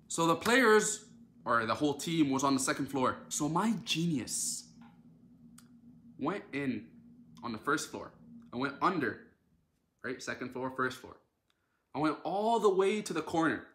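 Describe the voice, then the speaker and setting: A young man from Canada tells a story in a casual vlog, animated and dramatic, with plenty of fillers. His voice is bright and forceful. The room leaves a noticeable echo. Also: on the high side, a little slow, long pauses, slight background noise. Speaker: social media creator.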